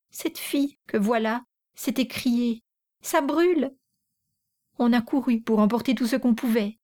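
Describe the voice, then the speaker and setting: A woman voicing a distraught young mother who wails and pleads in a high, tearful voice. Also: a little mellow, close to an everyday voice.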